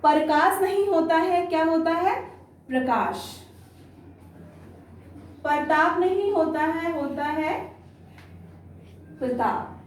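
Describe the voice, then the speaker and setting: A woman teaching a Hindi lesson to young children in an online class. She talks slowly and patiently, repeats each word, and keeps checking with "theek hai". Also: extremely high pitch. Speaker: primary school Hindi teacher. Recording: echoey room, distant mic, faint noise.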